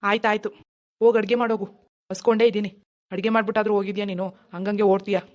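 A woman's voice: mid-range voice, flat delivery, very fast, darkish tone, natural voice. A woman voicing a lazy, bossy husband in a cartoon, who turns panicky when frightened. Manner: bossy, then panicky and pleading. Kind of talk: animated cartoon voice acting.

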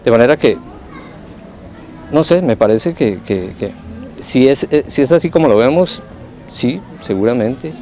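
A man of middle pitch gives his view in a tentative, thinking-aloud way, pausing and hedging. The sound is dull and lo-fi. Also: expressive, mellow, slight background noise. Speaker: interviewee. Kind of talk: casual opinion chat.

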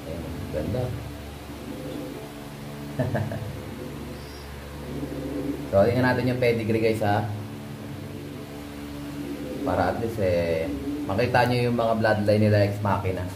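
A man's voice: on the low side, normal speed, pauses often. A man from the Philippines, casually showing pigeons and their pedigrees to viewers, often calling them guys. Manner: chatty, keeps addressing viewers as guys. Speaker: pigeon breeder and vlogger. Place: pigeon loft with birds around. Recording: noisy loft with bird sounds. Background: pigeons cooing.

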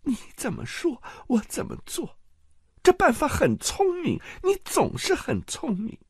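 A man's voice: huge pitch swings, measured pace, no echo, clean studio sound, full character voice. A man voicing a jealous, hysterical noblewoman who sobs and wails in an audiobook. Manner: shrill, sobbing, breaking into cries. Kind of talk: audiobook character voice.

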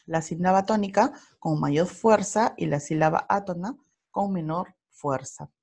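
A Peruvian woman teacher giving a recorded grammar lesson to primary school children. She speaks slowly and deliberately in a fairly low voice, pausing over each example word. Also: creaky, darkish tone, slightly rough. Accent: Peruvian Spanish. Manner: slow, careful explanation with spelled-out examples.

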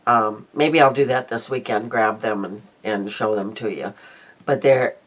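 Talking a little slowly at an extremely low pitch, an older Midwestern woman chats to the webcam on her desk in a small, cluttered room at home. She's a beauty vlogger with a congested nose. She rambles, cuts herself off, and restarts her sentences.

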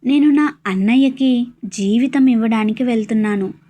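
A woman voicing a resolute young woman who calmly accepts a risky surgery in an audio story. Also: on the high side, moderate pace, close to an everyday voice. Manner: calm and steady.

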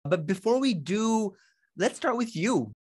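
This podcast host, a man in his thirties, has a high, slightly rough voice with lively intonation and a measured pace. He runs a casual live interview over video call from his home studio, chatty and upbeat, often restarting sentences. His studio mic sits on a boom, visible in frame.

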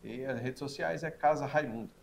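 A man's voice: mid-range voice, moderate pace, gravelly, a little hiss or hum. A middle-aged man, a restaurant owner, answers interview questions in a friendly, promotional way in a small bar, on a lapel mic.

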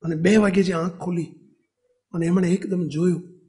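A man's voice: sits high, fairly even intonation, normal speed, mellow. A man with a Gujarati accent giving a devotional sermon, telling stories and asking the audience questions. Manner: storytelling, asks the audience questions. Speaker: preacher.

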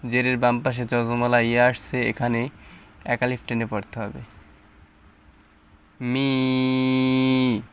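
A man's voice: mid-range voice, completely flat delivery, normal speed, fairly bright tone, clean tone. A man teaching Quran reading, explaining rules and then sounding out letters and syllables one at a time. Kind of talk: slow step-by-step recitation lesson.

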